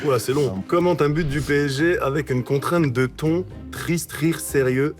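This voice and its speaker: A man's voice: on the high side, normal speed, over music. A man taking part in a joke game, chatting casually and telling jokes.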